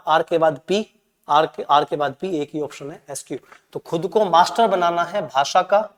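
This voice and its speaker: A man's voice: a little high, in a large hall. A man teaching English for exam preparation, going through answers and mixing Hindi explanation with read-out English lines. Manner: mixes Hindi with read-out English, often checks in with "ठीक है?".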